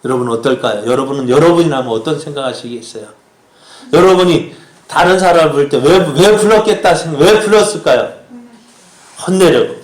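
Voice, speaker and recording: Male pastor preaching a sermon, mid pitch, asks the congregation questions, echoey church room. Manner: asks the congregation questions, slows to act out quoted lines. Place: church sanctuary.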